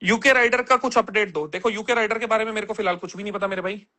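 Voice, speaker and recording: Bright high-voiced blunt man. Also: quick pace. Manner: blunt, slangy, reads comments aloud then answers. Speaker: live streamer answering viewer comments. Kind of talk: casual livestream chat.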